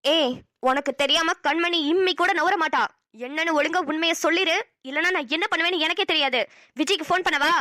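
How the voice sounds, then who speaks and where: A woman's voice: very high-pitched, brisk, sharp tone, no echo, clean studio sound. A woman voicing an anxious, bossy elder sister in a cartoon, frantic and scolding. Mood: accusing. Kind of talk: cartoon voice acting.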